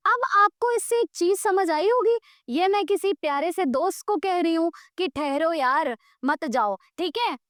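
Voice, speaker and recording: A woman teacher giving a grammar lesson, explaining slowly and mixing English words into her speech, often checking whether students follow. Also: extremely high pitch, a bit bright, no echo, clean studio sound. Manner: mixes English words into Hindi.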